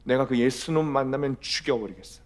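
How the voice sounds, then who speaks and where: A furious male prison guard voiced by a preacher in his sermon bellows rough orders at the top of his lungs. The voice is harsh and commanding, the speech clipped and threatening. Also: medium pitch, fairly quick, lightly acted. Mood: menacing.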